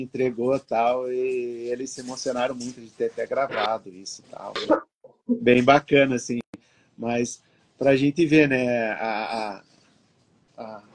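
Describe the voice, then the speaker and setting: A man co-hosting a casual podcast chat, telling a personal story with lots of filler tags and getting animated in the retelling. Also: mid-range voice. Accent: Brazilian Portuguese. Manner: storytelling, lively when retelling. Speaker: podcast co-host.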